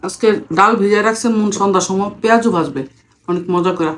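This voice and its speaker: A woman's voice: mid-range voice, brisk. A woman with a Bangladeshi accent chatting casually over a meal, talking with her mouth full as she eats. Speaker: vlogger. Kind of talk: casual mealtime chat.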